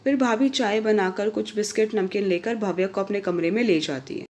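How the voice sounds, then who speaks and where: A woman reads a scripted family story aloud in a steady, mid-pitched storytelling voice. When the characters speak, she gives their lines more pitch and volume. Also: moderate pace. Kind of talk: scripted story narration with acted dialogue.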